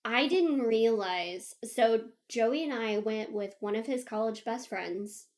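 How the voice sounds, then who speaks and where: A young woman co-hosting a podcast, telling a story in casual chat, animated, laughing often and acting out what others said. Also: fairly high pitch, slow pace. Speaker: podcast co-host.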